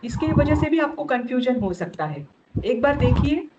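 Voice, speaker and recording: एक महिला शिक्षिका वीडियो कॉल पर ऑनलाइन कक्षा में सूत्र क़दम-दर-क़दम समझाती है और बार-बार "है ना?" पूछती है।. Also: female voice, high voice, big pitch swings, moderate pace. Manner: explains step by step, often asks "है ना?". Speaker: teacher of Jain logic. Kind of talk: online class lecture. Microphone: video call. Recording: dull lo-fi audio with loud noise.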